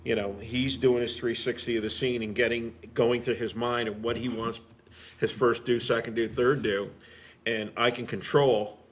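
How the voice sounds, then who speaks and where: Interviewed as a guest, a firefighter who also works as a driver casually tells stories from the job, reflective and prone to repeating phrases. His voice is medium in pitch, flat in delivery and moderately paced.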